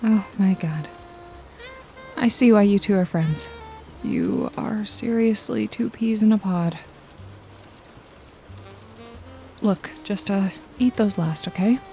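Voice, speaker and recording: A woman with a natural, mellow, mid-range voice speaks unhurriedly as a wry, jaded detective and hired killer in a noir ASMR roleplay addressed one-on-one to the listener. She is sardonic, foul-mouthed, nonchalant, and teasing, with a casually menacing edge and a dry mood. Jazzy music and rain effects play behind her.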